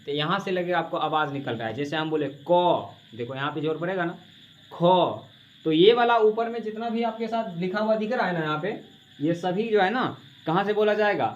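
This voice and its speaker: Speaking fast in a high voice, this male teacher runs a classroom grammar drill, asking questions he then answers himself and addressing his students as "babu". It's a dull, lo-fi recording of the classroom with a faint hiss.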